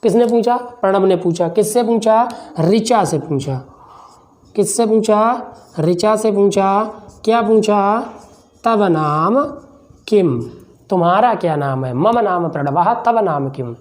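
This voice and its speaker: A man gives a classroom lesson at a slow, deliberate pace. He breaks phrases into single words and repeats them, posing questions to the class and answering them himself. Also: high voice, expressive. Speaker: teacher.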